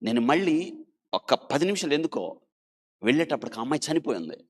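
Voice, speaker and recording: A male doctor telling a dramatic story in an interview, swinging between loud emphasis and quiet asides and urging listeners to listen and think. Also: a little high, very animated, a little fast, breathy edge.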